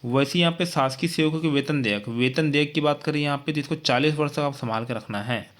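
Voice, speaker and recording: A man's voice: fairly high pitch, a little fast, a bit bright. A man teaching an exam-prep lesson, repeating points and checking in with frequent tag questions.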